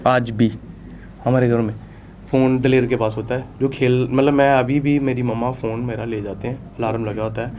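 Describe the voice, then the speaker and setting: A young male athlete, appearing as a podcast guest in a studio, tells rambling stories with lots of fillers and frequent laughter. His mid-range voice is darkish with fairly even intonation and a normal speed, and the recording has a little hiss or hum.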